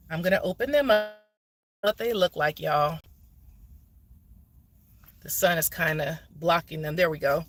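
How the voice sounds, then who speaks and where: A woman chats casually on an impromptu livestream from a parked car, explaining things and answering viewers' questions. She speaks into a phone held or propped nearby. Her voice is fairly low and a bit bright, with a little hiss or hum.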